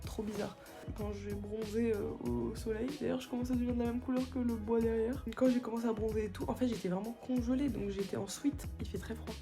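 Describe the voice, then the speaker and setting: A woman's voice: fairly high pitch, flat delivery, fast, gravelly, over music. A young woman in her twenties from France, chatting to her phone camera on a windy beach, slangy and very tired. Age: 20s. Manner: chatty, slangy, self-mocking. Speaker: travel vlogger. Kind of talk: casual vlog talk to camera.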